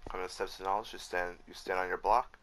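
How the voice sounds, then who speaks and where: A man's voice: low voice, fairly even intonation, quick pace, noisy background. A man giving casual, frustrated commentary while rebuilding a game map, swearing often and correcting himself as he goes. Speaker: Minecraft YouTuber.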